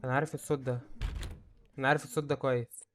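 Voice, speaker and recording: A young man with an Egyptian Arabic accent giving let's-play commentary, jumpy and prone to sudden yelps and shouts when startled. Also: medium pitch, flat delivery, rapid-fire, background noise. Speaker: gamer.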